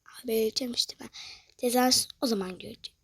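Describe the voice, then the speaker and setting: A young woman narrating and voicing characters in a toy-style game role-play, swinging between loud excited lines and hushed whispers. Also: a little high, fast talker, husky, dry recording. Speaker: toca life roleplay creator.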